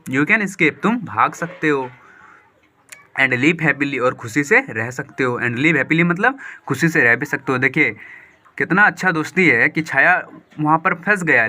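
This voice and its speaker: A man reading a story aloud slowly, line by line, and explaining each word and phrase in quick, lively Hindi as a teacher. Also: a little high. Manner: slow deliberate reading of English lines, then quick lively Hindi explanation. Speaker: English teacher.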